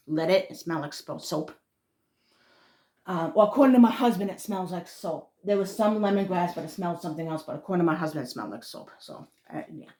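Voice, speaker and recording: Somewhat low and a little mellow, this woman's voice carries a thick Massachusetts accent. A spiritual vlogger, she rambles casually, trailing off mid-thought and restarting words.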